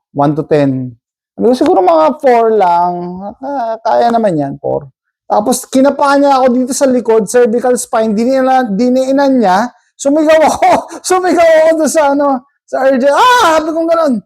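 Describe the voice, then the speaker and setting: A man's voice: sits high, warm tone. A man vlogging in casual storytelling mode, chatty and rambling, often tagging his sentences with a questioning "no?".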